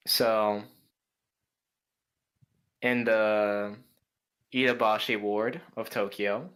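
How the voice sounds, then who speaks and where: A man's voice: lowish voice, little pitch movement, very slow, fairly bright tone, poor audio. A young man narrating as game master, describing scenes in a meandering way full of fillers like "like" and "kinda".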